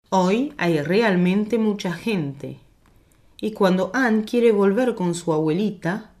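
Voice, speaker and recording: A woman narrating a children's storybook in a slow, clear and measured way. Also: on the low side.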